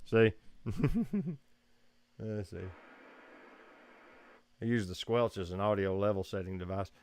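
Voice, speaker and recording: A man's voice: on the low side, lively intonation, takes it slowly, darkish tone, a little hiss or hum. A man with a Southern US accent hosting a casual live-stream chat at home, rambling and easygoing, chuckling often. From Georgia, US. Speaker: photography livestream host. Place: room at home.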